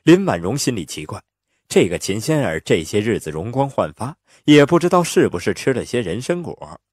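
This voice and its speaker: A man narrating an audiobook in an expressive, lively storytelling manner on a close mic. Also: medium pitch, moderate pace, no room sound.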